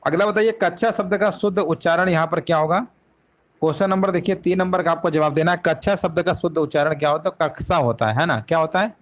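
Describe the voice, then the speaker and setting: A man's voice: a little high, fast talker. A man teaching a live online exam-prep class, explaining each answer step by step and often repeating himself with rhetorical questions.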